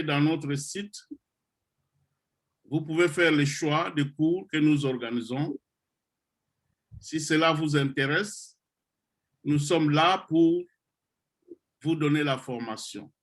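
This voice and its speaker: Speaking in a slightly high voice, a middle-aged Congolese project founder leads his online computer course, giving trainees a motivational talk by video call. He is unhurried and measured, slow and deliberate, with pauses and hesitations.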